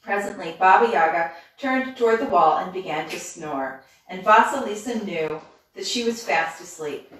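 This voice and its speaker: A woman reading a fairy tale aloud in a steady, measured way, with small slips, in a reading room. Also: lowish voice. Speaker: storyteller. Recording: echoey room from far off.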